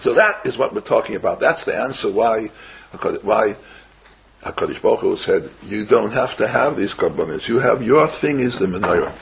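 Older rabbi guy w teaching, gravelly, swings up and down a lot, bit of noise. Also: lowish voice, expressive, moderate pace. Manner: repeats phrases, poses questions and answers them. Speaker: rabbi giving a Torah lecture. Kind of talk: informal religious lecture with stories and Hebrew quotes.

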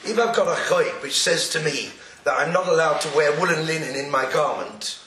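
A croaky-voiced man delivers a religious lecture, explaining deliberately and quoting Hebrew. His voice is a little high for a man. It comes from some distance in an echoey room, on a noisy recording. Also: pushed and bright. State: croaky, getting over an illness.

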